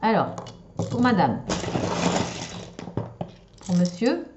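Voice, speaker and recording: Very slow and medium-pitched with big swings in pitch, this woman reads cards and shells about relationships for her viewers. Her talk is casual and halting, full of fillers and restarts, and the slightly dull lo-fi recording is very noisy.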